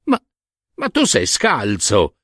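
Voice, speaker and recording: A poor, contented shoemaker who fusses over his work and ponders simple pleasures, as a male narrator plays him. He talks low and unhurried in a homely storybook voice. The recording is close and dry. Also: wildly swooping pitch, a bit bright, slightly rough, dry recording, exaggerated voice. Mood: homely, musing. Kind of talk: storybook reading.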